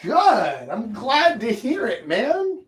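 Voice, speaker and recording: A man hosting an informal live coaching talk, speaking emphatically and often checking in with a quick question tag. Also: extremely high pitch, huge pitch swings. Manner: emphatic, checks in with "right?", casual swearing. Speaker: host, dating and life coach.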